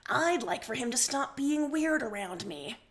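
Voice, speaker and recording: A woman's voice: on the high side, animated, unhurried, a bit bright. A woman reading aloud as a curious, grumpy young man, with a blunt, questioning way of talking.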